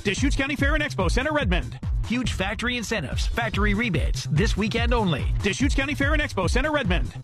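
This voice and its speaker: High, animated woman in a hard-sell ad. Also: quick pace. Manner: urgent, punchy hard-sell delivery. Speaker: advertisement announcer. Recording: loud music bed behind voice. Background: music.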